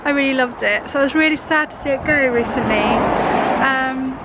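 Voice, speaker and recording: Croaky-voiced woman vlogging. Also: sits high, a little fast. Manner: chatty, rambling, self-interrupting. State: croaky voice from a cold. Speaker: craft vlogger. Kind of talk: casual vlog chat. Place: inside a camper van on a busy main road. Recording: traffic noise from a main road. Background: road traffic noise.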